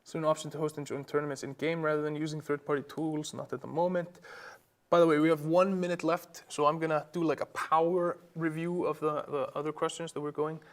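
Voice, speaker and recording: A man's voice: fairly high pitch, little pitch movement, a little fast. A young man from Iceland hosting a casual live-stream Q&A, rambling with lots of fillers and restarts. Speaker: host.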